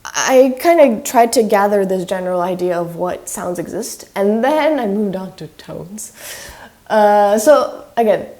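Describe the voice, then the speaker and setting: A woman talks through how speech sounds and tones work in a relaxed, conversational way. She says example sounds aloud as she goes and hedges her attempts. Her voice is soft and mellow rather than bright. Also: mid-range voice. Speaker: language-learning video creator. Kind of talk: casual explanatory talk.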